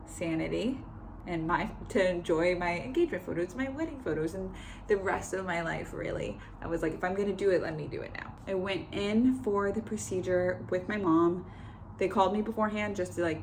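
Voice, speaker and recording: A woman in her twenties giving a casual, conversational personal update to camera, in an informal way. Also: lowish voice. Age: 20s. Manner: informal, conversational, quotes others in reported dialogue. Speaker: vlogger. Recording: clear background room noise.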